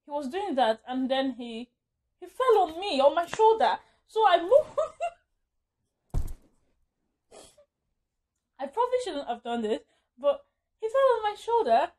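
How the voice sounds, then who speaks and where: A woman tells a story to her vlog camera in a loose, rambling way. She stops to correct herself and breaks into nervous laughs. Her voice sits a little high. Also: sing-song, moderate pace, darkish tone. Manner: rambling, self-correcting, laughs often while telling. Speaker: vlogger.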